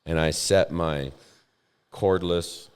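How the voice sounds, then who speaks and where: Man, very low voice, deadpan, dry humor, casual podcast talk, room reverb. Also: slow, smooth. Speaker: podcast host. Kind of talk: casual chat.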